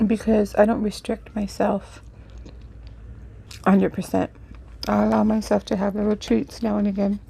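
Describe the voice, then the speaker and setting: A woman hosting an eat-with-me video, chatting casually in an unhurried, halting way as she thinks aloud. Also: mid-range voice, little pitch movement, creaky, warm tone, husky. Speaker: mukbang video host. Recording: faint background noise.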